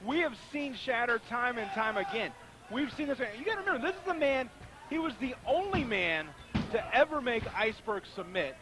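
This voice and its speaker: A man's voice: very high-pitched, sing-song, normal speed. A man giving conversational, emphatic color commentary on live wrestling, often restating his points. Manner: conversational, emphatic, repetitive phrasing.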